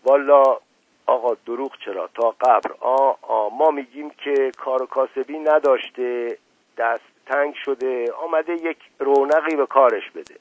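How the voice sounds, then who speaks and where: A rambling, evasive old servant with a husky, raised voice, as a male narrator puts him on, stammering "ah, ah" as he dodges questions. He comes over a tinny, dry, phone-like radio recording. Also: medium pitch, fairly even intonation, no echo, voice pushed up, natural voice. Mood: folksy, evasive. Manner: repeats stammering catchphrase, hesitant "ah, ah". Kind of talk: audiobook reading.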